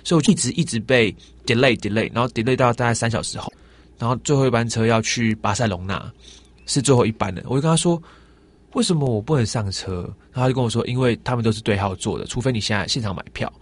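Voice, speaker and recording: A man with a Taiwanese Mandarin accent chatting as a guest, telling travel stories in an animated way and acting out the exchanges he describes. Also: mid-range voice, fast talker. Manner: animated storyteller, acts out quoted exchanges. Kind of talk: casual chat.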